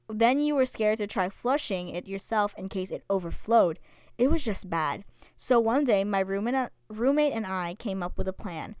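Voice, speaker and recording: Young female podcast host, chatty and filler-heavy, smooth voice, dry close sound. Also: mid-range voice, darkish tone, dry recording. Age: young adult. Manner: chatty, many fillers, reads stories aloud. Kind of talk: casual solo podcast chat.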